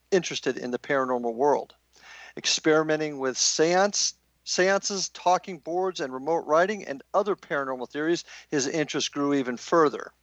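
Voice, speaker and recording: An American man hosting a talk radio interview in a deliberate, halting manner. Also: on the high side, no room sound, muffled recording. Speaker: radio show host.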